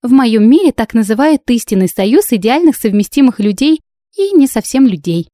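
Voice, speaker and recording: Woman voicing a loud, brash young heroine. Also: on the high side, big pitch swings, moderate pace, dry recording, clean studio sound, voice pushed up. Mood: theatrically sweet. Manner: loud, indignant, mock-innocent.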